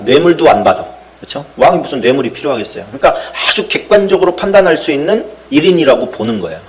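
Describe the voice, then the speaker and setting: Korean pastor preaching with dramatic swings. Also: male voice, medium pitch. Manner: storytelling, acting out dialogue with sudden loud outbursts and soft drops. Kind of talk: sermon. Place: church sanctuary.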